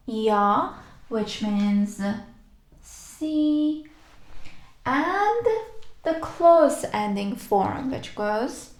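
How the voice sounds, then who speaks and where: A woman teaching a language lesson, slowly repeating each word and letter for practice. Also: on the high side, echoey room. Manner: patient, repeats words for practice. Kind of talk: slow step-by-step alphabet lesson.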